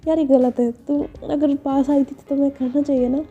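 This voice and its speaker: A woman's voice: sits high, little pitch movement, fairly quick, warm tone, highs cut off, faint music behind, close to an everyday voice. A woman voicing a lovesick young woman who pleads and coaxes in a whiny, playful way within a spoken story. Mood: pleading. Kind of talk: storytelling with acted dialogue.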